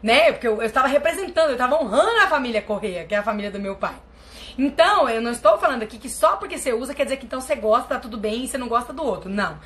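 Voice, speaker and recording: A woman with a Brazilian Portuguese accent, chatting casually to her live-stream viewers as a family constellation therapist, telling stories with big swings in her voice. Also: rapid-fire. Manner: animated storytelling with big pitch swings.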